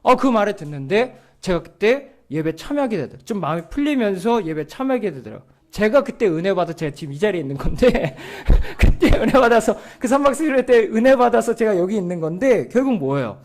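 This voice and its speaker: A high-pitched man in his thirties preaches, telling a story from his youth. He acts out the voices of the people in it and laughs now and then. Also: very animated, quick pace, hardly any pauses. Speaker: pastor. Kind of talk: sermon.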